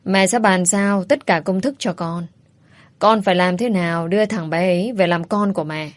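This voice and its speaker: A woman's voice: on the low side, dry recording, natural voice. A woman voicing a bossy older mother who scolds her daughter and schemes to marry her off. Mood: scolding. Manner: scolding, brisk.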